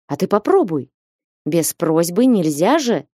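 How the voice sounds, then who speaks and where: A woman doing a hot-tempered old merchant shouting. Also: on the low side, very animated, unhurried, no room sound, studio quality. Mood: scolding. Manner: scolding, shouting. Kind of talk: audiobook reading.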